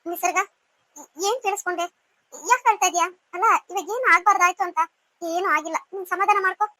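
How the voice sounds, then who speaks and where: Give me a woman playing a fussy, caring sister-in-law from a cartoon story, talking fast. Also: extremely high pitch, sharp tone, dry recording, low-quality recording. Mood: consoling. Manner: scolding, consoling. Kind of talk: cartoon serial voice acting.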